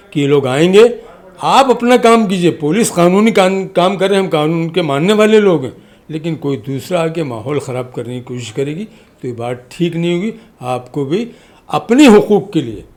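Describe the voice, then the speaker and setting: In an impassioned political interview, a podcast guest who works as a community activist speaks with emphatic, oratorical force, using repeated parallel phrases to drive his points home. His voice runs on the high side, with a darkish tone.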